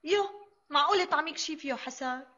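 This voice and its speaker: A woman's voice: high-pitched, fast talker, pushed and bright, dull audio. An actress in a Syrian TV drama playing a busy young mother who fusses over feeding her children, with a Damascene accent. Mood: brisk.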